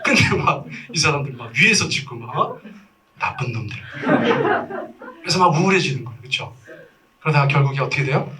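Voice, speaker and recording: A man in his forties preaching a sermon as pastor, telling stories with animated, self-mocking humor and acted quotes. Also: fairly high pitch, recorded from a distance. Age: 40s. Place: church sanctuary.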